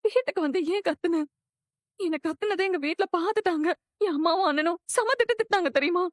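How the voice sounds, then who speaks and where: A woman's voice: very high voice, a little fast, no echo, clean studio sound. An actress playing a hurt young woman who pleads with and reproaches her boyfriend on the phone. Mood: pleading. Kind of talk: TV serial acting.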